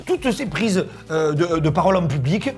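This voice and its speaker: A man's voice: fairly high pitch, big pitch swings, normal speed, soft background music. A young man with a Provençal accent from southern France, co-hosting a casual, enthusiastic chat. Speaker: co-host.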